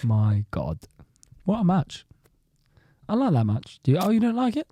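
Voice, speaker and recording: A man co-hosts a podcast with a mellow, relaxed tone. He gets excitable, laughs often and acts out his reactions, all on a dry, close mic. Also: high-pitched, normal speed, no echo. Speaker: podcast co-host. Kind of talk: casual chat.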